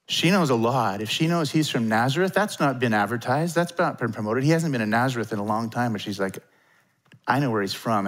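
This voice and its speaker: Man, middle-aged pastor, sermon, conversational and emphatic, acts out quotes, mid-pitched voice.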